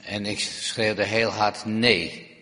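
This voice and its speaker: A man's voice: on the low side, moderate pace, a bit bright. A man interpreting a testimony live, with frequent restarts and hesitations. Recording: long reverb of a large hall.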